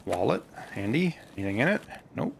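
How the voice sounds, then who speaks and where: A man's voice: lowish voice, big pitch swings, a little fast, vocal fry, a little hiss or hum. A man giving casual commentary to himself while playing a shooter game, muttering as he loots and swearing now and then. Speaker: gameplay streamer.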